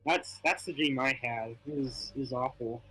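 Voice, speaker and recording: A man's voice: medium pitch, normal speed, pushed and bright, slightly rough, poor audio. A young man with allergies chatting casually on a gaming stream, rambling and laughing often. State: stuffy from allergies. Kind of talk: casual chat while gaming.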